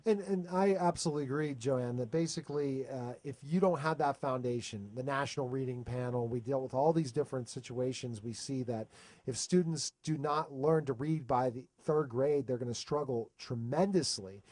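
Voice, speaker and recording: A man's voice: mid-range voice, moderate pace, darkish tone, no room sound. A man hosting an education talk show, restarting his sentences often as he hands off questions. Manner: stammering restarts. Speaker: host.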